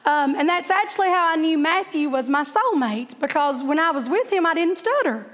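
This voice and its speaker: A woman's voice: high-pitched, animated, normal speed, fairly bright tone, big-room sound. A woman and kindergarten teacher, telling chatty, self-deprecating stories to a church group, laughing often and stuttering at times. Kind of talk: humorous storytelling talk.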